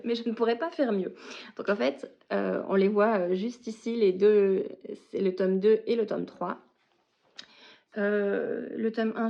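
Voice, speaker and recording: A woman's voice: fairly high pitch, dull audio. A woman hosting a casual knitting and reading podcast, talking in a hesitant way and often searching for her words. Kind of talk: casual podcast chat about knitting and books.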